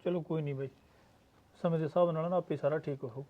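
Calm Punjabi brother, quick talk, dull-sounding recording, played by a man. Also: on the high side, lightly acted. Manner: calm, consoling. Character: young brother visiting his married sister. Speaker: wife's brother. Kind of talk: acted family drama.

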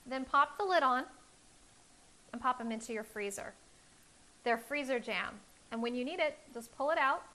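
Animated, bright and forceful, this high-pitched woman talks at a normal speed but leaves long pauses. She's in her thirties and hosts a home cooking show, giving a cooking demonstration from her kitchen on a lapel mic and explaining each step in a friendly, instructional style.

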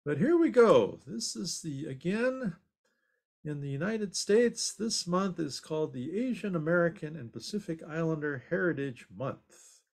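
A man's voice: fairly high pitch, lively intonation, unhurried, creaky. An older man from Long Beach, California, teaching an online ukulele class over a video call, friendly and upbeat as he talks to his students. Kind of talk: online class, singing then explaining. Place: home room at desk. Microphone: video call webcam.

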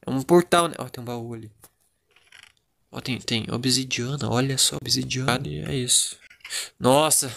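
A man's voice: mid-range voice, pushed and bright. Gaúcho guy from home, crude jokey Let's Play commentator, jittery. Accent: southern Brazilian, Rio Grande do Sul. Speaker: gaming YouTuber.

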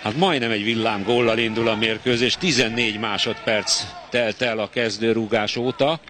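Excited male football commentator over stadium noise. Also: fairly low pitch. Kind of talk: live football match commentary. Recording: clear stadium noise behind.

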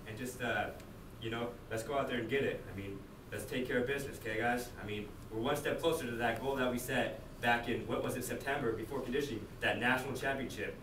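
A man in his early twenties, a college basketball player giving an earnest, rambling pep talk full of fillers, recorded by a camera in a locker room. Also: medium pitch. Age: early 20s. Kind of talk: impromptu pre-game pep talk. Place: small team locker room. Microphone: handheld camera a few steps away. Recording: echoey distant camera mic, noisy.

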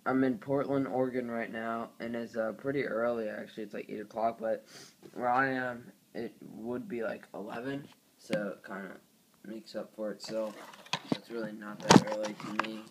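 A young man rambling casually through a vlog, with lots of ums and likes, filmed on his phone. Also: medium pitch. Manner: rambling, filler-heavy. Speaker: vlogger. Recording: noisy phone recording.

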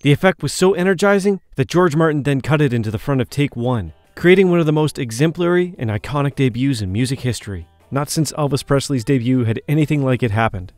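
A man's voice: mid-range voice, animated, fast, hardly any pauses, darkish tone, no room sound, faint music behind. A man reading a scripted documentary narration, shifting his emphasis from phrase to phrase.

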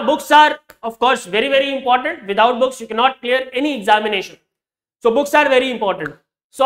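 North indian accent guy teaching exam prep, talks fast, flips between hindi and english, repeats stuff to stress it. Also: very high-pitched, a bit bright. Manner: explanatory, repeats points for emphasis. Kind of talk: video lecture mixing English and Hindi. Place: indoor teaching studio with a presentation screen.

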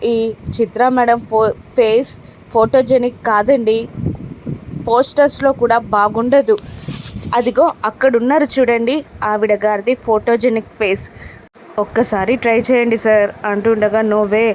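Woman recapping a tv serial, highish voice, faint noise behind her. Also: fairly even intonation, a little slow, long pauses, darkish tone. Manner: retells scenes, voicing quoted lines with a lift. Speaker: serial episode recap narrator.

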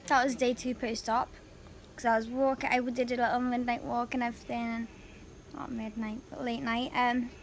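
A woman's voice: on the high side, level tone, normal speed. A young woman, weak after surgery, speaking casually as a patient keeping a video diary from her hospital room. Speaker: patient vlogger recovering from surgery. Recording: noisy hospital room recording.

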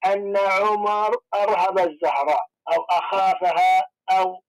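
A man, a sheikh calling in, arguing his religious position in measured, formal speech. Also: high-pitched, level tone, rough recording. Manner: measured, formal classical phrasing. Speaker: caller, sheikh.

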